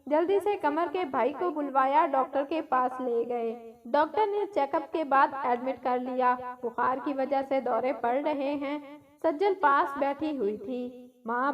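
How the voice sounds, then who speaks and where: A woman with a high, light voice narrating a family drama as a read-aloud story. Her delivery is dramatic and plain, carrying the tale from scene to scene.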